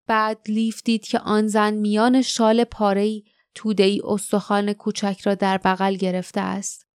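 Smooth-voiced woman narrating an audiobook. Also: mid-range voice, no echo, studio quality. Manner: steady, measured storytelling. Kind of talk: scripted narration.

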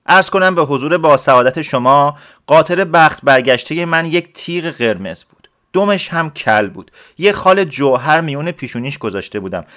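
Man playing a flustered village man, high pitched, loud, pleading, indignant, storybook reading. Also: animated. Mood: eager, rambling.

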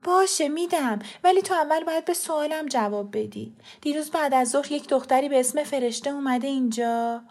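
Brief: woman reading as an urgent, defiant mother, higher and tense. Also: few pauses, darkish tone, close to an everyday voice. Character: defiant frightened young mother searching.

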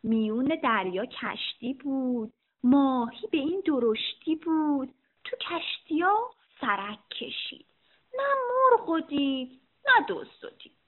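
A woman's voice: sits high, sing-song. A woman reading a rhymed children's story aloud in a rhythmic, sing-song way. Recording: tinny phone-like sound.

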